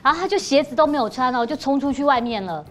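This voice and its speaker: A woman, a mother on a TV talk show, telling an anecdote in a lively way and acting out what was said. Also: sits high, fast talker, faint music behind. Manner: lively, acts out quotes. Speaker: guest, mother. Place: TV studio.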